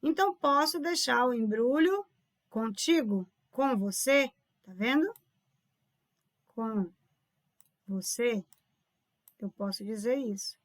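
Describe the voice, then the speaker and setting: A woman with a Brazilian Portuguese accent teaches an online grammar lesson, solving exam questions and explaining them, often pausing to ask "tá vendo?" and greeting viewers as "povo lindo." Expressive and fairly high-pitched, she speaks slowly with long pauses. The recording is dry and clean, studio quality.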